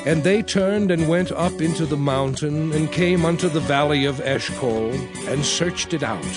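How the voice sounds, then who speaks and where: An actor playing Moses as a solemn leader, narrating dramatized scripture in a measured, declamatory way. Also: male voice, fairly high pitch, lightly acted. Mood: solemn recounting. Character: Moses, solemn elder leader addressing his people. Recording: music behind the voice.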